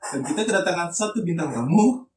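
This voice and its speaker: A man, co-hosting a casual podcast in a relaxed, chatty way. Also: fairly high pitch, a little fast. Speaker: podcast co-host. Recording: roomy, distant mic, faint hiss.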